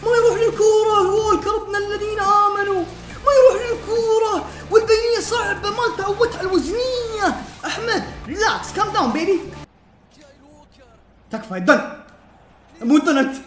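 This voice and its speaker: A man commentating his own football video game play, swinging from muttering to shouting and laughing. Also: extremely high pitch, brisk. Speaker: gaming streamer. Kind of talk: casual gameplay commentary. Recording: roomy sound with loud game music.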